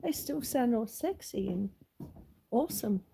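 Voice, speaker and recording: Filming outdoors on her phone camera, a middle-aged Australian woman greets her live stream viewers from her homestead in a casual chat. A cold leaves her voice husky and hoarse; it sits on the high side, sounds expressive, moves a little slowly, and has background noise behind it.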